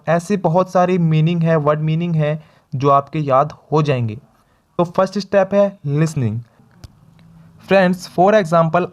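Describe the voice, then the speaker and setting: A man's voice: a little high, a little mellow. A man teaching spoken English in a motivational video lesson, coaching listeners step by step and calling them friends. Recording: dull lo-fi sound.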